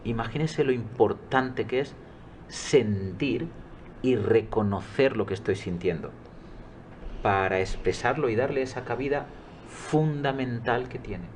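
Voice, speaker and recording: A middle-aged coach answers interview questions earnestly and emphatically, quoting his own dialogues. His medium-pitched, darkish voice is unhurried, with a little hiss or hum in the recording.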